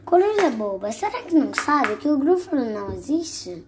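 A woman voicing a small, clever, boastful mouse in a read-aloud storybook, high and excitable. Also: normal speed, slight background noise. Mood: cheeky.

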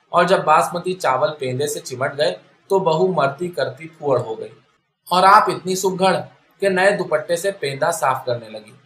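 A man narrating a literary short story in a steady, measured reading style. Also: a little high. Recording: echoey room.

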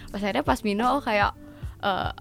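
A woman in casual chat, telling a story in a lively way, acting out the lines she quotes and laughing often. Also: medium pitch, moderate pace, creaky, soft background music.

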